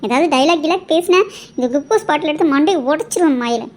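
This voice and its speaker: A woman's voice: sits high, lively intonation, quick pace, slight background noise. A woman voicing a young wife wailing in labour. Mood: angry. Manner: wailing, pleading, snapping at her husband. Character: young wife in painful labour, panicky and cursing. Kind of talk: cartoon voice acting.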